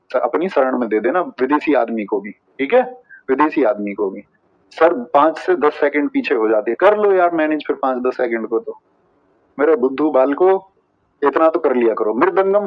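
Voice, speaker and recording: Chatty male teacher, lo-fi audio. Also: mid-range voice. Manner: teaching with memory tricks, chatty. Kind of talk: online exam-prep class.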